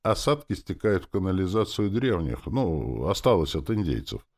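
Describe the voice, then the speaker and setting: A man's voice: deep voice, big pitch swings, moderate pace, pitched above the performer's own voice. A man voicing a dry, businesslike zombie garrison chief in an audiobook. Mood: matter-of-fact. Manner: curt and businesslike.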